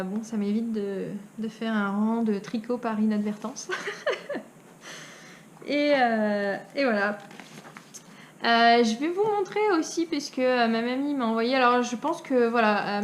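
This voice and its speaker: A woman's voice: a little high, slight background noise. A young Frenchwoman from France chatting casually as a knitting vlogger, with many hesitations and frequent laughs. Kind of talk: casual chat.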